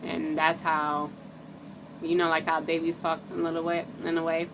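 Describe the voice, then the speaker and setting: A woman with a low, level voice talks casually to her camera in a loose, slangy way, stopping and restarting her thoughts. Her speech sits in a low register and hardly rises or falls. Steady background noise and passing traffic are clearly heard behind her. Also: moderate pace. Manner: loose and rambling, breaks off and restarts, laughs at herself. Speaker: astrology vlogger. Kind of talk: casual rambling chat to camera.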